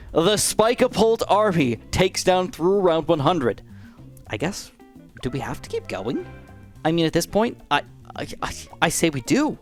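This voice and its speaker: This young gaming YouTuber's voice is a little high and slightly raspy. He chats excitably and casually over gameplay, trading upbeat bursts for mumbled asides.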